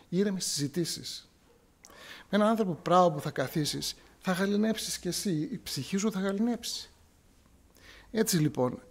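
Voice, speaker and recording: A male priest giving a sermon in church, explaining scripture word by word and repeating key phrases to drive them home. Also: high voice.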